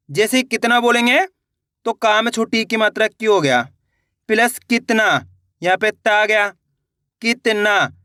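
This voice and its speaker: A man teaching a Hindi spelling lesson, repeating each word slowly and quizzing the viewers as he goes. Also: sits high, bright, forceful tone, clear, resonant tone, no room sound, clean studio sound.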